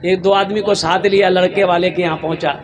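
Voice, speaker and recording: A man's voice: high voice, little pitch movement, brisk, background noise. A man delivering an impassioned sermon, firing rhetorical questions and answering them himself with repeated exclamations. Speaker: preacher.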